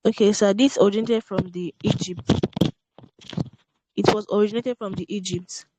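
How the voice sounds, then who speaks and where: A woman presenting to an online class. She reads from her notes haltingly and stumbles over names. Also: medium pitch, steady tone, mellow, rough recording. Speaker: student presenter. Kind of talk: reading class notes aloud.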